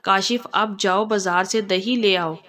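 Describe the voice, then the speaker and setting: A woman's voice: medium pitch, steady tone, measured pace, sharp tone. Woman doing a cheeky loving young wife. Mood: teasing. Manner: sweet and teasing.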